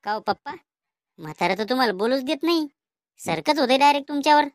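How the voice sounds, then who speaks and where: A woman's voice: sits high, animated, fast talker, noisy background, voice pushed up. A woman voicing a cheeky, mocking young grandson in a cartoon comedy, with a Vidarbha Marathi accent and a teasing way of talking.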